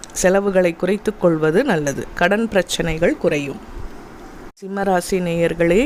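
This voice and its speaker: A voice reading out a scripted daily horoscope in a steady, formal recitation, taking each sign in turn. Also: medium pitch, a little hiss or hum. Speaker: horoscope reader.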